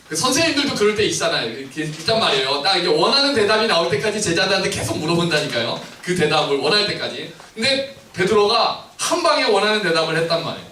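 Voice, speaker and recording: A man's voice: sits high, bright, forceful tone. A male pastor preaching a playful sermon that asks the congregation questions and acts out the scripture scenes. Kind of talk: lively sermon to a congregation with children. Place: church sanctuary. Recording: roomy church hall, mic at distance, faint noise.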